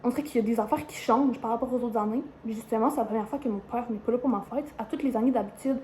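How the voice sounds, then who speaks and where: A young woman with a Quebec French accent talks casually to her camera, rambling and filling pauses with little hesitations. Her voice sits a bit high but sounds mellow and soft-edged. A faint hiss lies under the recording. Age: 20s. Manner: chatty, rambling, frequent "euh" and "genre" fillers. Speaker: vlogger, university student.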